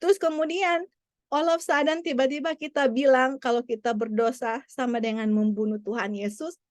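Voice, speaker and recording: Brief: mother sharing a testimony, earnest and repetitive, fairly high voice, dry close sound. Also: steady tone, normal speed, no echo.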